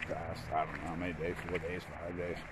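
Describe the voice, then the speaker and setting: A man's voice: low voice, flat delivery, a little fast, slight background noise, rough recording. A man, chatting loosely in an outdoor vlog by a river, speaking into an action camera. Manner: rambling, folksy, repeats himself. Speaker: gold prospecting vlogger. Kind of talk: casual outdoor vlog narration.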